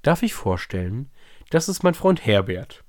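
A cheerful grown woman proudly presents her surprise, as a man reading a storybook puts her on. Her voice lifts a little above the reader's low tone. The sound is dry and close. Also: sing-song, measured pace, no room sound.

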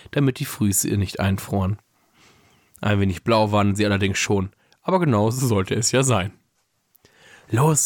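A man's voice: fairly low pitch, darkish tone, no room sound. A young man co-hosting a casual podcast with dry, teasing humor and reading a holiday story aloud. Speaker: podcast co-host and story reader.

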